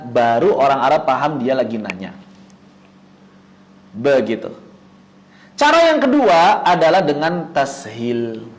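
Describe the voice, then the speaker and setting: A man teaching Quran recitation rules in an online lesson, who poses questions and answers them himself, chanting example words slowly. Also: mid-range voice, very animated, low-quality recording. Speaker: tajwid teacher.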